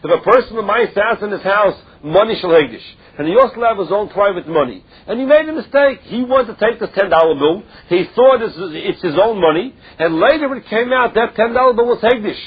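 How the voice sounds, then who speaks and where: A man's voice: high voice, animated, fairly quick, few pauses, husky. A man with a Yiddish-influenced accent giving a religious text lesson, reading phrases and explaining them step by step with questions and answers. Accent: Yiddish-influenced English. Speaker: Talmud teacher. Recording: dull lo-fi recording.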